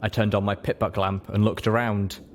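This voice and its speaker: A man narrates a fan fiction story in the first person, reading a script in audiobook style. His voice is fairly low pitched with a level tone, at normal speed, and faint background noise sits under the recording.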